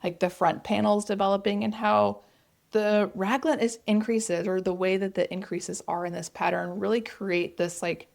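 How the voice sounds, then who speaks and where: A woman's voice: mid-range voice, steady tone, moderate pace, creaky, a little mellow. A woman with an Oklahoma accent, chatting casually and enthusiastically as the host of a knitting vlog.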